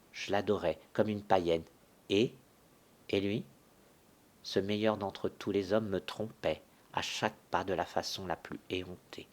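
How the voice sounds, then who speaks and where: A man reading a haughty young widow. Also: deep voice. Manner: soft, lamenting, turning haughty and indignant. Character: proud grieving young widow, haughty and easily offended. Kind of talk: solo dramatic reading of a stage farce.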